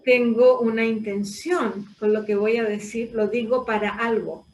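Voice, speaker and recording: A woman speaks in a high, light voice, setting out her ideas slowly and thoughtfully as a voice teacher. She sits away from the microphone in a roomy, echoing space, with faint ambience behind her. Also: fairly even intonation, a little mellow, far from the mic, a little hiss or hum. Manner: explanatory, thoughtful, with pauses. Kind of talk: reflective conversation.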